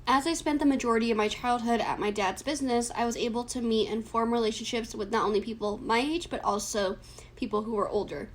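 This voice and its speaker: Fast and fairly even in intonation, her slightly high voice carries prepared answers for a class project interview. She's an early-twenties native Cantonese speaker raised in the United States, and her reading is earnest, scripted, and reflective.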